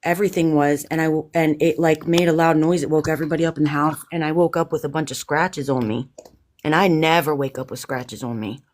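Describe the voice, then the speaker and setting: A woman's voice: low voice, steady tone, a little fast, darkish tone. A woman hosting a live paranormal investigation, sounding exhausted and drained, talking anxiously in rambling restarts. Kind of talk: live-stream chat.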